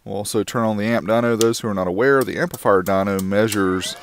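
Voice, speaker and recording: A man's voice: lowish voice, quick pace, slight background noise. A man giving a casual voice-over review of a car amplifier, with wry joking asides.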